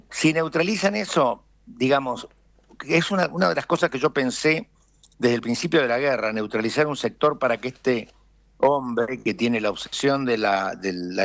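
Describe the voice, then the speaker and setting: An Argentine businessman being interviewed, explaining his views deliberately and filling pauses with frequent hesitations. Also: mid-range voice, fairly bright tone, dry recording. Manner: deliberate, thinking aloud with frequent "este" fillers. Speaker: businessman guest. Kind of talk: conversational interview analysis.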